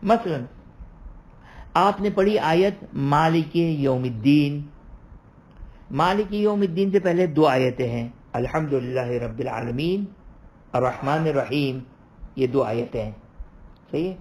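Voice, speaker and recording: A man's voice: on the high side, lively intonation, long pauses, darkish tone. A man giving an online religious law lecture over a video call, explaining step by step, repeating points and checking with "right?".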